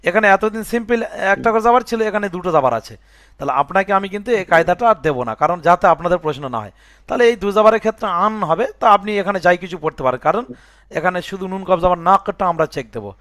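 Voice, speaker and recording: A man's voice: sits high, animated, very fast, a bit bright, dry recording, studio quality. A man teaching Quran reading, spelling out words letter by letter and checking that the student follows. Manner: breaks words into letters and vowel marks, checks "বুঝে আসছে?". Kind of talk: spelling-out recitation lesson.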